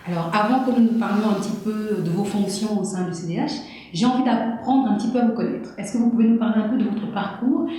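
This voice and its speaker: A woman interviewer with a mellow, warm voice asks polite, probing questions. She is recorded in a very echoey room, with faint noise in the background. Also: mid-range voice, quick pace.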